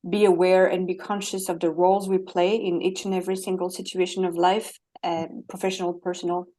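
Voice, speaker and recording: French-accented woman, lowish voice, earnest. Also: brisk. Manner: earnest, animated, laughs easily. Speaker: guest, life coach. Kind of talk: interview conversation.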